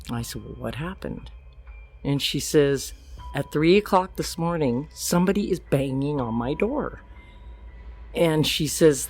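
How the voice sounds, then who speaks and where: An older woman, a grandmother, telling a true story as a podcast guest, plainly acting out the quoted lines. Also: deep voice.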